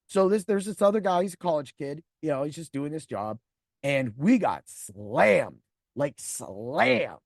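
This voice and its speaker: A podcast host in his forties tells a profane personal story as a monologue, acting out the people in it. His voice is a little high and a little slow, with big pitch swings and vocal fry, captured in clean studio sound with no echo.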